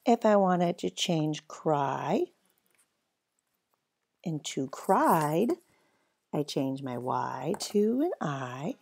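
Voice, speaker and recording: A woman with a fairly low, creaky, darkish voice teaches first graders phonics. She sounds out letters and words slowly and with exaggeration, stretching each sound, and cheers the children on in a cheerful, encouraging way.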